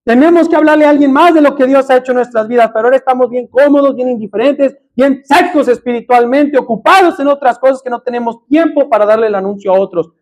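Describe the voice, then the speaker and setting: A man's voice: extremely high pitch, fast talker, hardly any pauses, rough recording. A man with a Mexican Spanish accent preaching a sermon in church, emphatic, often calling out to the congregation as brother.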